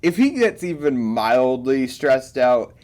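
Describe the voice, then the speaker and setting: Slow-talking animated podcast co-host. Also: mid-range voice. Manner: animated, laughing, acts out movie quotes. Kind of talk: casual chat.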